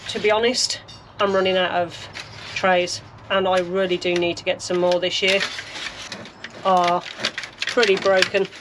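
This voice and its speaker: A woman's voice: mid-range voice, background noise. Chatty woman sowing seeds outdoors. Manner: chatty, practical, thinking aloud. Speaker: gardening vlogger. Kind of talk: casual narration while working. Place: allotment greenhouse.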